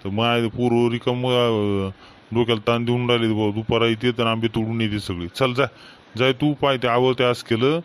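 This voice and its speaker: A man's voice: mid-range voice, fairly even intonation, moderate pace, close to an everyday voice. A man with a Varhadi Marathi accent playing a weary old farmer father who grumbles and laments about his quarreling sons in a village comedy skit. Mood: bossy.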